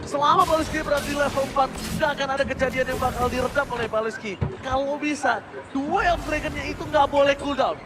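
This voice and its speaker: A man's voice: extremely high pitch, fast, music in the background. A man with an Indonesian accent casting an esports match like a fighting game announcer, dramatic, with English catchphrases mixed in. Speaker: esports play-by-play caster. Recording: loud crowd and arena noise behind. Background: cheering crowd, loud event noise.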